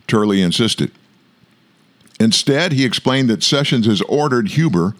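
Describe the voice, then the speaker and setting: A man hosting a political news commentary show online, his voice mid-range. Emphatic throughout, he elongates key stresses and breaks off for asides aimed at listeners.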